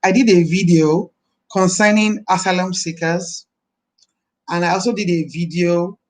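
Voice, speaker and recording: A minister in her thirties chats on a live stream, her voice deep this morning. She's friendly and unhurried, keeping a steady tone while repeating phrases and blessing her viewers.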